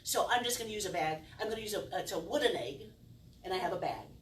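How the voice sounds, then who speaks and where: A woman's voice: medium pitch, lively intonation, quick pace, recorded from a distance. A middle-aged woman plays the kids' party magician with big, swooping intonation. She is theatrical and playful, full of exaggerated wonder and mock puzzlement. The sound is roomy, picked up by a camera some way from her small indoor stage, with faint noise. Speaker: children's magician and circus performer. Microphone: distant camera.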